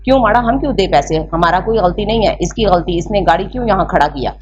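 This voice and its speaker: A hot-headed young Pathan woman, read aloud by a woman in an audio storybook. She speaks brashly with mangled grammar, in a lowish voice over faint hiss. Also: expressive, quick pace, lightly acted. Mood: fiery. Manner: brash, threatening, mixes up grammar. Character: feisty young Pathan woman, quick-tempered. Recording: slightly muffled with faint hiss.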